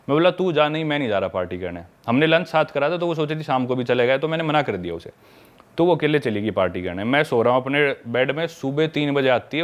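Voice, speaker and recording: A young adult man casually telling a long travel anecdote in a podcast chat, chatty and animated. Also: mid-range voice. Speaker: travel vlogger telling a story.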